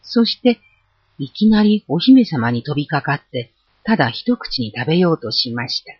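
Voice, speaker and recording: Expressive, husky folk-tale storyteller. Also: medium pitch, normal speed, no echo. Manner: expressive, varied delivery. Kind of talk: reading a folk tale aloud. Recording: dull lo-fi recording.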